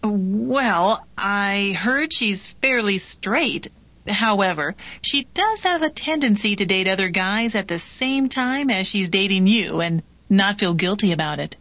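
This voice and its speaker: A woman reading scripted practice dialogues for a language lesson in a clear, measured way. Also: medium pitch, animated, fairly bright tone, no echo.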